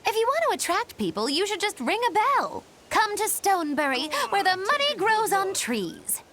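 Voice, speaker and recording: A woman's voice: very high-pitched, sing-song, moderate pace, a bit bright, slight background noise, full character voice. A woman voicing a teasing, chirpy little witch girl in an anime video game, with a theatrical, singsong delivery. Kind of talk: English-dubbed anime game acting. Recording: game music behind.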